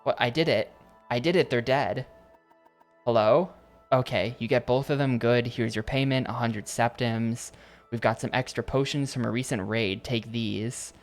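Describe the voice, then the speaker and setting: An American man streams a video game, chatting casually and rambling between reading game text aloud as gameplay commentary. His voice is medium-pitched at a normal speed, with soft background music.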